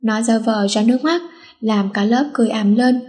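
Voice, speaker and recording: A woman narrating a light comic story in a lively, playful way. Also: fairly high pitch, moderate pace. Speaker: audiobook narrator.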